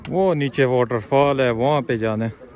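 A young man from Pakistan filming a casual travel vlog on a phone held at arm's length, chatting excitably outdoors on a trail and by a waterfall. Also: mid-range voice, normal speed. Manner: chatty, excitable, often laughing. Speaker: vlogger.

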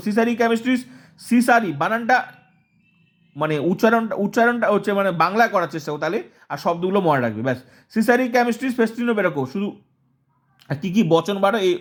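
A male teacher giving an exam-prep lesson, asking questions and answering them himself, repeating terms over and over to drill them. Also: high-pitched.

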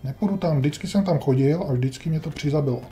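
A man's voice: fairly high pitch, dark tone, slight background noise. A man casually commenting on his own retro game playthrough, wry and grumbling, talking to himself as he plays. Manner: wry, grumbling, talks to himself while playing. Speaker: gameplay commentator. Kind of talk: casual let's-play commentary.

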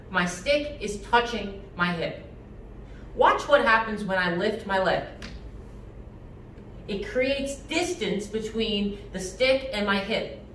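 Young guy teaching kids karate, short sharp commands, mic way off, some noise behind. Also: high voice. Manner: sharp, clipped martial arts commands. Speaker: karate instructor. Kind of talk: instructional class for children. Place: mid-sized indoor karate studio with matted floor. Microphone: distant camera. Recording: roomy, distant microphone, background noise.

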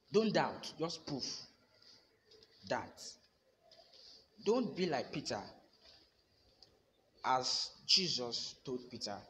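Young man preaching slowly into a phone. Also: medium pitch, a bit bright. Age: young adult. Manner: emphatic, repetitive declarations, slow deliberate delivery. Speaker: pastor. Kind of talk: preaching sermon to camera. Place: bare indoor room with plain walls. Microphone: phone held at arm's length. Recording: phone recording with long reverb and faint room noise.

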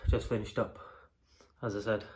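A man's voice: on the low side, flat delivery, moderate pace, a little mellow. A man, out of breath after a gym session, giving a blunt, casual motivational talk and calling his viewers "bro". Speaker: vlogger.

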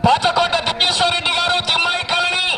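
High-pitched excited male race announcer. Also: fast. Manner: excited cheering calls and loud announcements. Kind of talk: live event commentary. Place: outdoor bull racing ground. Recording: crowd noise at outdoor event. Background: loud crowd.

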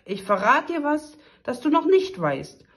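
A woman reading aloud puts on a pompous old storybook king. He lectures in a lofty, blustering way, loud and raised. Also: high-pitched, sing-song, unhurried, voice pushed up, heavily acted.

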